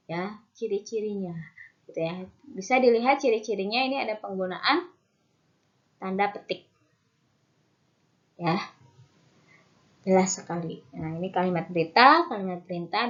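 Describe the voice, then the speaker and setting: Woman teacher, mid pitch, patient explainer who repeats terms, slightly muffled recording. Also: fairly bright tone. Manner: patient, repeats key terms, many fillers. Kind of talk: online lesson explaining to students.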